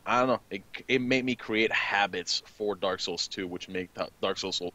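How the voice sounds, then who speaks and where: A man's voice: on the low side, pushed and bright, muffled recording. Blunt, swearing young man in casual chat. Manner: blunt, swears a lot, quick to argue. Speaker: podcast co-host. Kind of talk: casual chat over a video call. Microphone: computer mic on a video call.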